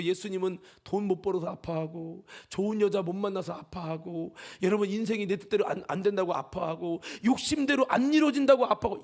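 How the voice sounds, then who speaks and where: Gravelly Korean pastor with shouted peaks. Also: male voice, high-pitched. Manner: swings from hushed whispers to shouted peaks; jokes with and calls on congregation members. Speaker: senior pastor. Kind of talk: Sunday afternoon sermon.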